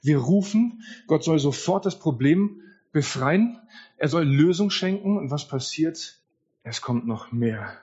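A man preaching a sermon, speaking slowly and deliberately and acting out scripture quotes with rising emotion. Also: fairly high pitch, animated, mellow, breathy edge. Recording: dull lo-fi recording.

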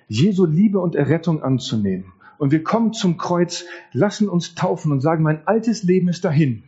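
A man's voice: a little high, mellow, husky, lo-fi sound. A man preaching a sermon, telling a story in an earnest way straight to the congregation.

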